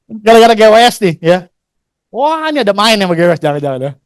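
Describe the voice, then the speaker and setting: Lively high-voiced man telling stories. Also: quick pace, clean tone. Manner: chatty, slangy, acts out quoted dialogue, laughs often. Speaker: insurance agent sharing his career story. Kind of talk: motivational storytelling talk.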